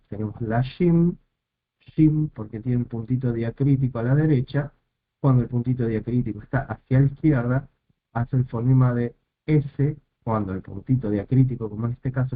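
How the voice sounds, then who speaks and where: Slow, methodical man on a tinny line. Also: mid-range voice. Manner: slow, methodical, repeats each term. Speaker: Hebrew teacher. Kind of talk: step-by-step lesson. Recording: tinny phone-like sound.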